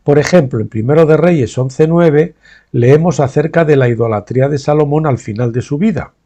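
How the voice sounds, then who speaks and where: A man's voice: a little high, mellow, lo-fi sound. A man reading a Bible study aloud, breaking off with his own asides and questioning tags to check that listeners follow. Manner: pauses to explain names and terms in his own words. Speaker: Bible teacher.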